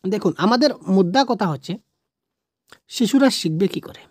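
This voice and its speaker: A woman works through exam questions as a teacher, her voice bouncing up and down as she coaxes her viewers. She talks at an ordinary mid pitch. The sound is close and dry, with no room around it. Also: moderate pace, husky, no room sound. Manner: animated, coaxing, keeps asking viewers to comment, mixes in English. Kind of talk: lively exam-prep lesson video.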